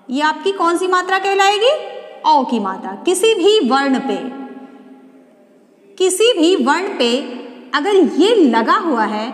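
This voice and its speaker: Woman teacher, very high voice, asks and answers her own questions, drawn-out syllables, roomy long reverb. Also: a bit bright. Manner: slow, drawn-out sounding of syllables. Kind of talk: Hindi alphabet lesson. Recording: echoey room with long reverb.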